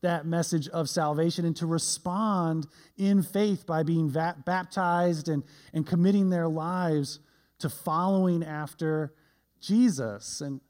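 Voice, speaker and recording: A man's voice: a little high, slow, a little mellow. A male pastor giving a conversational sermon with self-deprecating humor, often tagging his points with "right?".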